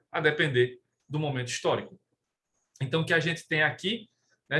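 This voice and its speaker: Bright-voiced Brazilian male law professor. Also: a little high, a little hiss or hum. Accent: Brazilian Portuguese. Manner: steady explaining tone with frequent "né?" tags. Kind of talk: recorded class lecture.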